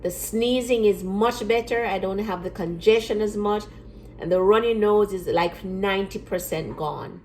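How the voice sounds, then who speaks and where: Her voice mid-range and a little mellow, an older former nurse talks at a moderate pace while showing a simple home remedy one step at a time. She is relaxed and repeats herself a lot, and the casual video was recorded in an echoey room with faint hiss.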